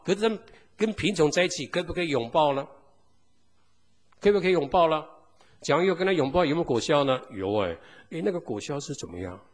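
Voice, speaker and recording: Here a man with a husky, mid-range voice preaches as pastor, peppering his congregation with rhetorical questions. A long hall reverb surrounds the recording.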